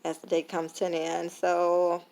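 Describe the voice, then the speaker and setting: Low, gravelly and darkish, this woman's voice stays monotone and unhurried, with slight background noise. She's a tired vlogger sharing a faith lesson to camera, chatting casually with many fillers while she retells an everyday story using quoted lines.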